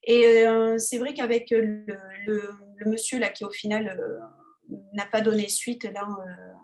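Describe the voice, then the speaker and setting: A woman's voice: mid-range voice, flat delivery, slow pace, darkish tone. A woman photographer talking casually as an interview guest, hesitant, with many fillers and restarts. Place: Tahiti.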